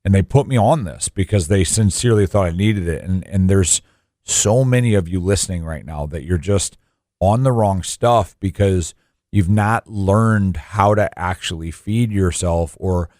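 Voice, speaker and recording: Low-voiced man hosting talk radio. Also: a little slow, a little mellow, no echo, clean studio sound. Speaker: radio show co-host. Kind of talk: conversational radio talk with personal asides.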